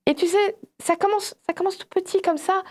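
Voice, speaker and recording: A woman with a very high, brisk voice speaks as a panelist on a religious discussion show. In a casual Bible conversation she explains points like a storyteller, animatedly acting out imagined quotes as examples.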